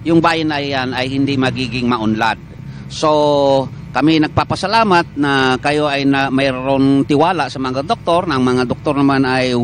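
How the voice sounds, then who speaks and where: A man with a Filipino accent, a doctor guest on a morning TV show, explaining in a measured way with many "ah" fillers. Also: mid-range voice, slight background noise. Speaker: doctor of a medical association, guest. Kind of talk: morning TV interview.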